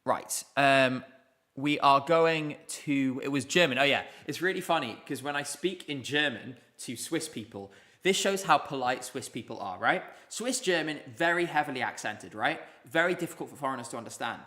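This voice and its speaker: A native English-speaking man hosts a live stream from indoors in Basel, rambling casually with plenty of ums while reading out viewer comments. His medium-pitched voice is expressive, pushed and bright, at a normal speed.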